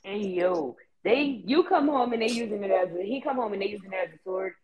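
A woman's voice: mid-range voice, brisk, muffled recording, slight background noise. A woman co-hosting a casual chat, riffing bossily for laughs. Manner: bossy comic riffing, laughs often.

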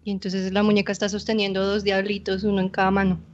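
A woman guest on a podcast, explaining things in a soft-spoken, hesitant way. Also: medium pitch, monotone, quick pace, highs cut off. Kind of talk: casual podcast chat.

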